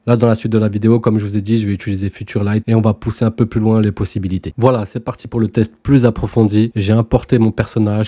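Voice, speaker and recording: Man, tech tutorial host, laid-back, chatty, mellow tone, dry close sound. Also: lowish voice, no echo. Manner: laid-back, chatty, addresses viewers directly. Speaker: tech YouTuber. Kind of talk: casual screen tutorial.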